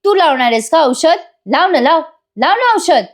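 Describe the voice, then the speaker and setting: A woman's voice: high-pitched, fast talker, natural voice. A woman voicing an angry, hurt young wife who talks sharply and indignantly in a retold TV-serial scene.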